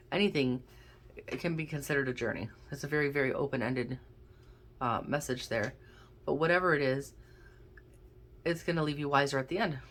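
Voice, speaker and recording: A woman doing a casual pick-a-card reading, thinking aloud with many restarts and a gentle, encouraging manner. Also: low-pitched. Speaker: tarot card reader.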